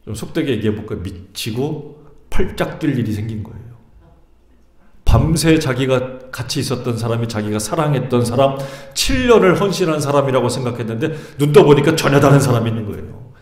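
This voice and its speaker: A middle-aged male pastor preaches in a church, his voice rising and falling in lively swings. He keeps turning to the congregation with questions. The sound carries a roomy church echo. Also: medium pitch, fairly quick. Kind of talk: sermon. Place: church sanctuary.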